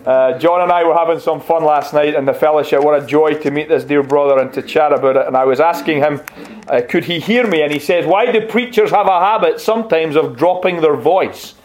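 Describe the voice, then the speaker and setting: A middle-aged Scottish man, a visiting pastor, giving a warm, conversational, gently humorous sermon in a church and reading scripture aloud. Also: on the high side, fairly quick. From Scotland. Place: church sanctuary.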